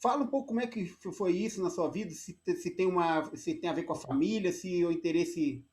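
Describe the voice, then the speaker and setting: A man's voice: high-pitched, a little fast, darkish tone. A Brazilian man hosting an interview, asking friendly, rambling questions about culture and a guest's life. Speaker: interviewer, host. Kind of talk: casual interview.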